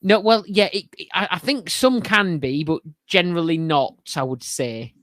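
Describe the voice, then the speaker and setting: Pub quiz host, laughs a lot, hedges every clue, dry close sound. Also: male voice, a little high, moderate pace, a bit bright, dry recording. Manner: giggly, hedging, rambling clue-giving. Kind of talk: casual pub chat podcast.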